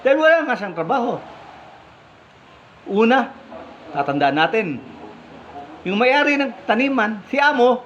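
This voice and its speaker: A man's voice: extremely high pitch, sing-song, unhurried, long pauses, fairly bright tone. A man preaching, retelling a parable in a conversational way and posing rhetorical questions to his listeners. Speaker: preacher and blogger. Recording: slightly muffled, faint background hum.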